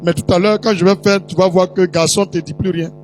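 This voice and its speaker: High-voiced Ivorian preacher. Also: male voice, fairly even intonation, fast talker, faint music behind, rough recording. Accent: Ivorian French. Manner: chatty, teasing, addresses the congregation directly. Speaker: prophet preaching. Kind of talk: sermon storytelling.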